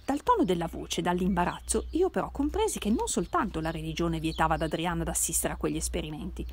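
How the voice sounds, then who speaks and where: A woman reading a classic novel aloud in an expressive, measured way. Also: on the low side, slightly rough. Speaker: reader.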